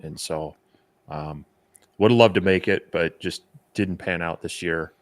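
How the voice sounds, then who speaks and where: Deep-voiced guy on a live stream, calm measured explainer chat. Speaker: co-host.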